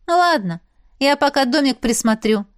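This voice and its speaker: A woman's voice: sits high, animated, no room sound, studio quality, pitched above the performer's own voice. A woman voicing a bubbly pampered girlfriend. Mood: eager. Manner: bubbly, emphatic, quick to exclaim. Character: lively, pampered young woman friend.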